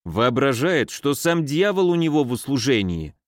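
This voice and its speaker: A man's voice: medium pitch, very animated, normal speed, no room sound, clean studio sound, natural voice. A man voicing a sly, mischievous male footman in an audiobook. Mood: smug. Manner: sly, teasing.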